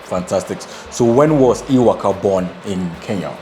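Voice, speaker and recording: Wearing a lapel mic, a host from Ghana interviews someone in a showroom of electric bikes and adds a voice-over intro. He speaks at a moderate pace in a low-leaning voice, with background noise audible.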